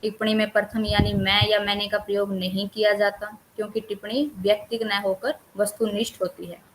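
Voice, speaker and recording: A woman teacher running an online class, going through a list of chapter topics at a steady, even pace. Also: mid-range voice, a little hiss or hum, low-quality recording. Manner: lists topics steadily with few pauses. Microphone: computer mic on a video call.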